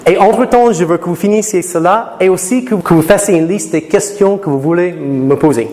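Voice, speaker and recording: High-voiced lecturer in a reverberant hall. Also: male voice. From Florida. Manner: lively, switches to slow deliberate English for learners. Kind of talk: classroom talk to students. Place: lecture room. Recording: reverberant hall with faint noise.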